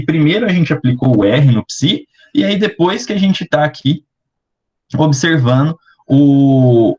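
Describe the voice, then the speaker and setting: A young Brazilian man working through an exercise for students, slowly and step by step, checking in with the class often. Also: mid-range voice, a little mellow, muffled recording. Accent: Brazilian Portuguese. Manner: slow, step-by-step, with many fillers and check-ins. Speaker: teaching assistant. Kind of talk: explaining exercises at a board.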